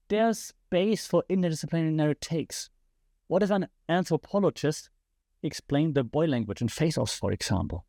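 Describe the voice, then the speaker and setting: Gravelly and warm, this man's slightly high voice comes through a dry, clean studio recording. He's a German-accented podcast host giving fervent solo commentary and posing rhetorical questions to the audience, his voice starting to go a little.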